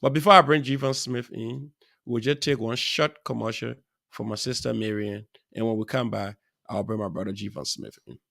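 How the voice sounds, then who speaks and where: A male talk show host with a gravelly, bright and edgy voice, rambling warmly through shout-outs and chuckling often. He sounds close and dry, in a studio with no room echo. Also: medium pitch, steady tone, normal speed. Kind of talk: casual live-show chat.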